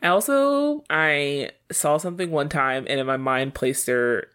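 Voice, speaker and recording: A young woman co-hosting a podcast, chatting casually and relaxed, often backing up her co-host with short replies. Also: deep voice, a little slow, clean tone. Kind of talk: casual chat recapping a TV show.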